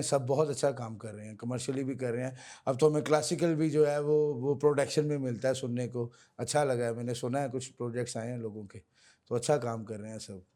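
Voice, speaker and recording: A man's voice: medium pitch, dark tone. A male singer from Pakistan, answering interview questions earnestly and respectfully, often calling the host sir. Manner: earnest, repeats honorifics, addresses host as sir. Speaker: singer, guest.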